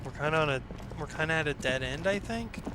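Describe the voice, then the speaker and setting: A man's voice: on the high side, expressive, quick pace, background noise. A man chatting casually while playing a game with friends, exasperated and swearing often.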